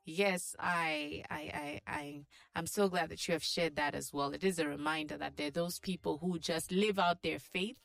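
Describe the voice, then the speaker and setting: Female morning radio DJ, breakfast host. Gravelly fry, dry studio sound, exhortative and encouraging, addresses the audience directly. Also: fairly low pitch, expressive, moderate pace, few pauses, a bit bright, dry recording. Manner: encouraging, exhortative, with rhetorical check-in questions. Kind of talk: morning radio DJ hosting, talking straight to listeners.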